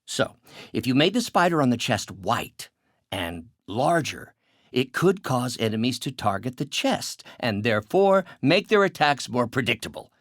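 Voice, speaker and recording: In isolated video game voice lines recorded with clean studio quality and no echo, a male actor plays a brilliant, bitter middle-aged scientist turned vengeful villain. His mid-range, slightly bright voice swings widely in pitch, and his delivery is unhurried, articulate, theatrical and thoughtful.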